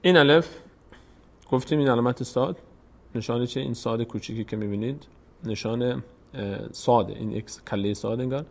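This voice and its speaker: Patiently walking through each vowel mark and repeating words slowly, a man teaches Quran reading step by step. His voice is medium in pitch, with vocal fry.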